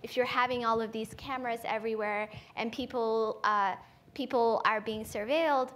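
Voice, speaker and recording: An AI researcher from Ethiopia talks as a conference forum panelist in a voice on the high side, a bit bright, with fairly even intonation and a moderate pace. Her conversational panel talk is thought out aloud, peppered with fillers and restarts, and her points end with "right?".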